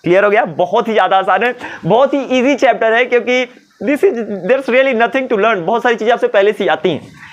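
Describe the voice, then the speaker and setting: A man's voice: very high voice, moderate pace, dull audio. A man teaching English pronunciation in a Hindi-English video lesson, asking and answering his own questions. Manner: lively, asks and answers his own questions, voices imagined students.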